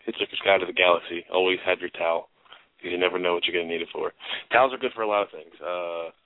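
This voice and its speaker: Male host, very low voice, emphatic casual advice, narrow tinny sound. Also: no room sound. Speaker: talk show host. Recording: narrow phone-like sound, dry.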